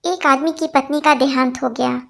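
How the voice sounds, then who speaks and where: High-voiced woman reading jokes. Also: steady tone, moderate pace, gravelly, heavy background noise. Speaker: joke narrator.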